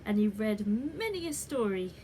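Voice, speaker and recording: A woman reading a children's bedtime story aloud in an unhurried, measured way, like the opening of a fairy tale. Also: medium pitch, sing-song, mellow. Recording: clearly noisy background ambience.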